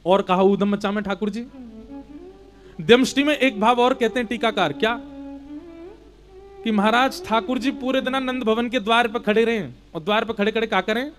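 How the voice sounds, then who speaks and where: A man's voice: sits high, steady tone, normal speed, pauses often, fairly bright tone, soft background music. A man preaching a devotional sermon, telling a story animatedly with rustic dialect words. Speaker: katha preacher.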